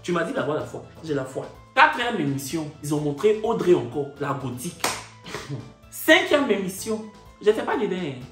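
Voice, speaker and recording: A man tells a comic story, his pitch swinging widely as he repeats himself and fires indignant asides. The voice sits in an echoey room with faint music underneath. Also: normal speed. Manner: animated, repetitive, indignant asides. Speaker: comedian storyteller.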